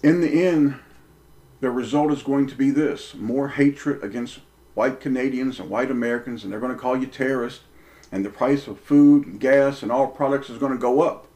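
A man's voice: medium pitch, normal speed, dark tone. A man delivering a preaching monologue, emphatic, with rhetorical questions and punchy, repeated lines. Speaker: religious commentator.

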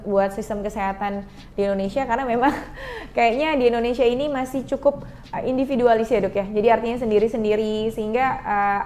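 A woman's voice: a little high, a little mellow, slight background noise. A woman hosting an interview in a studio, summarizing answers and adding polite tag questions. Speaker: host. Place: indoor studio.

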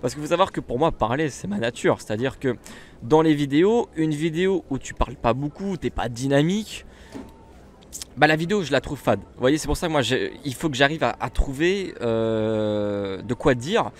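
A man's voice: medium pitch, animated, normal speed, a little hiss or hum. Chatty French-accented man rambling over gameplay. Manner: chatty, rambling, with many fillers and restarts. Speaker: gaming YouTuber. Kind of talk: casual commentary while playing a bus simulator.

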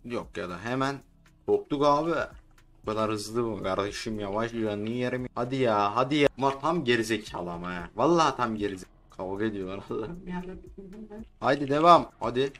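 Excitable man joking through a game roleplay. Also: medium pitch, a little fast, faint music behind. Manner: joking, excitable, often shouting. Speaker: roleplay streamer. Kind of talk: casual game roleplay chat.

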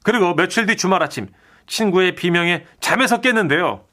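A man's voice: sits high, brisk. A male radio DJ reading a listener's funny letter aloud in a polite storytelling way. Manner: storytelling narration, polite and even.

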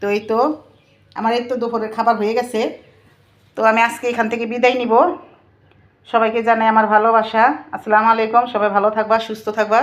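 A woman, narrating a casual home cooking vlog and chatting warmly with her viewers as friends. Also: fairly high pitch, completely flat delivery, fast, long pauses. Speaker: cooking vlogger.

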